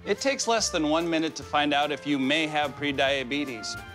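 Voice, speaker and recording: A man in a doctor's coat doing a blunt, deadpan comic health ad straight to the viewer. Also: a little high, normal speed, faint music behind. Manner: blunt, deadpan direct address. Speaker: actor in a health ad playing a doctor. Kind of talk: comic scripted ad.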